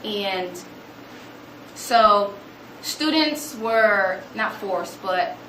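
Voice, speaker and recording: A young woman gives an animated storytelling talk to an audience, acting out quotes in a higher voice. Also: very slow. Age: young adult. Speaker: student speaker. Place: room with an audience. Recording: echoey room, noticeable background noise.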